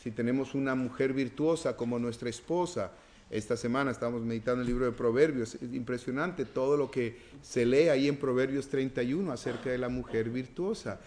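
A man's voice: mid-range voice, brisk, darkish tone, slight background noise. A man preaching a conversational sermon as pastor, often asking for agreement and building up to emphatic passages.

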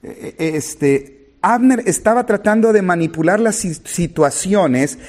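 A man's voice: high-pitched, unhurried. A man preaching a sermon to his congregation, retelling a scripture story and speaking to his listeners directly. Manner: animated, rising and falling, retelling scripture with quoted dialogue.

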